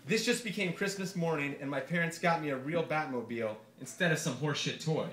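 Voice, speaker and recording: Reading his comic essay aloud in a bar, a man delivers it briskly in a fairly high, fairly bright voice. He tells the story theatrically, cursing and imitating others' speech, and the noisy, echoey live recording picks up the crowd laughing and the room's noise.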